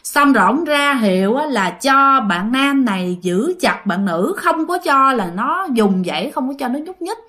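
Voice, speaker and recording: A woman's voice: fairly high pitch, fairly bright tone. A woman with a Southern Vietnamese accent telling a ghost story in a chatty, casual way, addressing her listeners. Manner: chatty, addresses listeners directly, many fillers.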